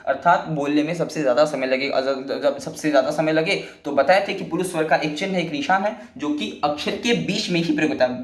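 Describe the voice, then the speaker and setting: A man gives a lesson in a slightly high voice, patiently going over each idea again and again. His voice rings in an echoey room. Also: a little fast, hardly any pauses. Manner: repetitive, patient explaining with many restatements. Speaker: Sanskrit teacher. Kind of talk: explanatory classroom lesson.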